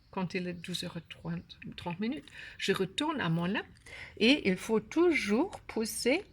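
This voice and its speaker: German lady doing an app walkthrough in broken french, stumbles for words, bit gravelly. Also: mid-range voice, a little hiss or hum. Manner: broken, halting French with grammar slips and word searching. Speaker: course creator and app instructor. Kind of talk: unscripted tutorial walkthrough.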